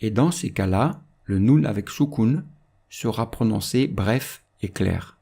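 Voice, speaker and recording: A man teaching Quran recitation rules in a calm, measured instructional voice-over. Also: fairly low pitch, creaky, slightly rough.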